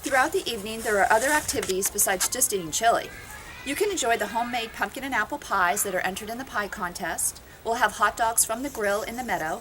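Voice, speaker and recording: A woman co-chairing a school fundraiser, reading a scripted, upbeat announcement. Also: fairly high pitch. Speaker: event co-chair.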